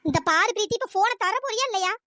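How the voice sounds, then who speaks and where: A defiant young cartoon woman, put on by the channel's performer who snaps back at every accusation. Her voice is squeaky-high and rushed, recorded dry and close. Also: sharp tone, dry recording. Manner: snapping back, indignant. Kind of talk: cartoon story voice acting.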